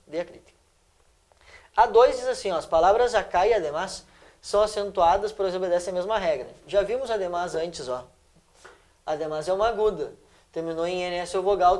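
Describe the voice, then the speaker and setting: A male teacher from Brazil, walking students through exam questions in a lesson and checking in with them often. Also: sits high. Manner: lively, checks in with "tá?" and "perfeito?".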